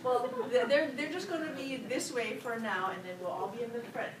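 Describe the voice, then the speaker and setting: A woman from Hilo, Hawaii, cheerfully walking a group through song motions, her voice a little high. She sounds far from the microphone in an echoey room. A steady hiss of noise runs under everything. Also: brisk. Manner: upbeat, leads call-and-response greetings. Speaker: hula and song instructor. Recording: roomy, far from the mic, noisy.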